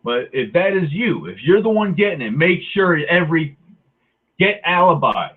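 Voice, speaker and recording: A man's voice: a little high, sing-song, normal speed. A man in a heated, profane, sarcastic rant, speaking his mind to the camera. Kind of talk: angry ranting monologue. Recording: tinny phone-like audio.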